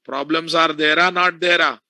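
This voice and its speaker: Male tech tutor, Telugu accent, bright cutting tone, dry sound, informal lecturing with repeated points and frequent check-ins. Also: a little high, fairly even intonation, measured pace, dry recording. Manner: repetitive, checking often for understanding. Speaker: software instructor teaching an online class.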